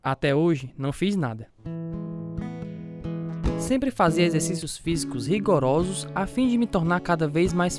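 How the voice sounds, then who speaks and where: In a religious radio drama, a man with a Brazilian accent plays a devout family man full of self-doubt, narrating and speaking in an earnest, confessional, troubled way. His voice is fairly high and close to an everyday tone.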